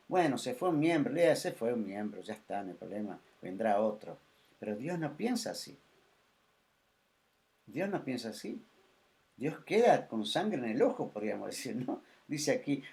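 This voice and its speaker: A man preaching a sermon as pastor, emphatic and repetitive, swinging between loud and soft. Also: fairly high pitch, creaky.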